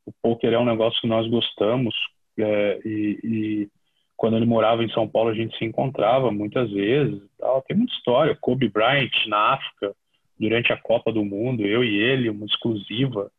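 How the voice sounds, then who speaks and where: Brazilian man, husky, on a tinny line. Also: on the low side, moderate pace. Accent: Brazilian Portuguese. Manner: relaxed, chatty, many fillers. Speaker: guest, TV sports reporter. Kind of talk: casual podcast storytelling.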